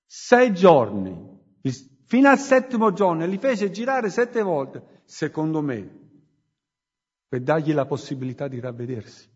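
Preacher, man, higher voice with a husky edge; slow emphatic sermon, muffled and reverberant hall. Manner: slow, emphatic, swings from loud to hushed.

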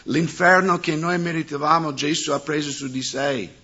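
A man's voice: on the high side, steady tone, moderate pace, bright, forceful tone, slightly rough. A man preaching as a pastor, speaking to his congregation and often asking them questions. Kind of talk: sermon. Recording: dull muffled sound.

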